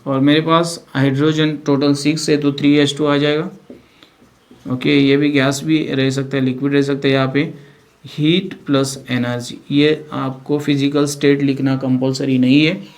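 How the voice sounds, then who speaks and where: Male chemistry tutor, somewhat high pitch, thinks aloud while writing. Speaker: science teacher. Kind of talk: whiteboard chemistry lesson.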